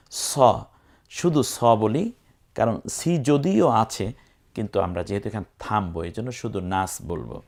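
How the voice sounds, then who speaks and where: Bangladeshi guy teaching quran reading, slow and patient, spells it out then chants long. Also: on the low side, darkish tone. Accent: Bangladeshi Bengali. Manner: explains slowly, then chants words in long drawn-out recitation. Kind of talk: spelling-out lesson.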